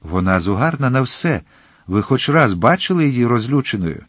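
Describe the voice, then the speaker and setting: A man's voice: mid-range voice, sing-song, normal speed, fairly bright tone, husky, dry recording, clean studio sound, pitched above the performer's own voice. A man reading aloud, voicing an earnest, anxious young male musketeer who pleads urgently in a raised voice.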